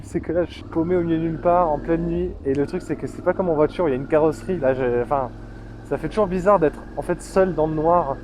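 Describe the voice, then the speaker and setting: A man with a southern French accent talks in a loose, rambling way while out riding his motorcycle and swears freely. His voice is mellow and a little high, with faint noise behind it. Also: poor audio. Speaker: motorcycle vlogger. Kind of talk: casual vlog while riding.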